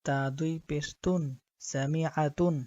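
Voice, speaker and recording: A man teaching Quran reading, spelling out letters and syllables slowly and deliberately, one at a time. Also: on the high side, fairly even intonation, mellow, dry recording, lo-fi sound. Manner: slow, deliberate letter-by-letter drilling. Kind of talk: slow spelling-out lesson.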